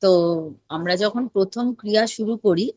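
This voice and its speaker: A woman with an average-pitched voice asks her teacher a respectful question. She hesitates and searches for her words, and the recording is dry and close. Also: moderate pace, darkish tone, no room sound, muffled recording. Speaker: disciple asking a question.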